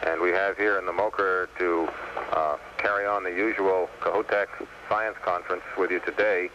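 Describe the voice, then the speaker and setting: A man speaking as a mission control radio communicator over a space radio link with beeps and static. He follows formal radio procedure in a measured way, with hesitant fillers. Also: low voice, little pitch movement. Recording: dull, hissy 1970s space radio link.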